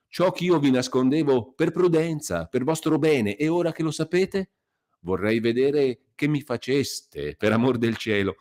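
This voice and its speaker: Guy doing a scared old country priest, high quavery voice, whiny and fussy. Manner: quavering, pleading, then peevish and scolding. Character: frightened elderly male village priest.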